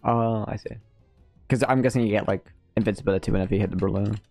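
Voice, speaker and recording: A man's voice: lowish voice, fairly even intonation, fast talker, vocal fry, a little mellow, soft background music. A young man in casual banter during a speedrun race, laughing often. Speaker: rival speedrunner. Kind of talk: casual chat while gaming.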